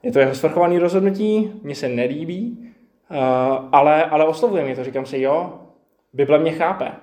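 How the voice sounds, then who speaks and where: A man's voice: a little high, a little mellow. A man preaching a personal, reflective sermon with a slightly raised voice. He talks conversationally and acts out his own inner dialogue. The room echoes around him.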